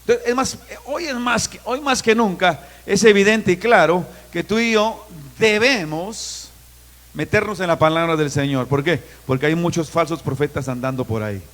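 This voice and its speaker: A man in his fifties from Guatemala, a pastor preaching a sermon with emphatic, drawn-out phrases in a church. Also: high voice, a bit bright. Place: church sanctuary. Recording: long reverb of a church hall.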